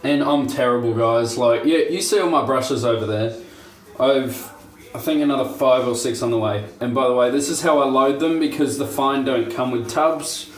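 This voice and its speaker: A man's voice: medium pitch, moderate pace. A young man hosting a casual shaving review, chatty and laid-back, laughing at himself. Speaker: shaving video host. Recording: roomy home recording.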